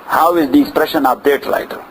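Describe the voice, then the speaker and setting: A fairly high, steady-toned male voice moves along fairly quickly as a teacher lectures students on inheritance law, repeating phrases and confirming they keep up. He has a Pakistani accent, English isn't his first language, and his native language is neither Arabic nor English. The audio is rough with a little hiss or hum.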